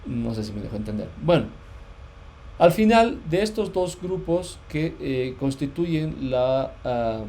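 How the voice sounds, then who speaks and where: A man from Bolivia giving a university physics lecture, pausing often with fillers and restarts and checking that students follow. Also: medium pitch, expressive, dark tone.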